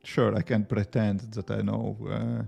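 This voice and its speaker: In a muffled recording with soft background music, a man with a fairly low, gravelly, mellow voice talks unhurriedly with little pitch movement. He's a livestreaming app developer, a native Latvian speaker with a Latvian accent, rambling casually on a coding stream and answering viewer questions between tasks with many fillers.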